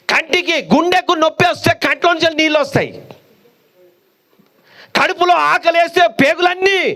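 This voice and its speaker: A man preaching in a church, his voice sitting very high for a man. He tells stories and acts out the people in them. He swings from sharp exclamations down to low, drawn-out lines. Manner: storytelling, acting out voices of mother and son. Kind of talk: sermon. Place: church hall.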